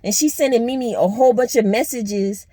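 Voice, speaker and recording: A young woman vlogger telling a story in a blunt, animated, profane way. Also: fairly high pitch, a little fast, no echo. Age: young adult. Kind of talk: casual storytime vlog.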